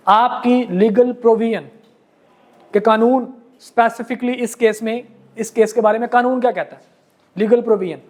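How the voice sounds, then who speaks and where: A man with a Pakistani accent teaches a law class. He explains carefully and patiently, calling his students beta and janab. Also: very high-pitched. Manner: explains slowly, reads case text word by word. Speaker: law lecturer. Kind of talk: classroom lecture.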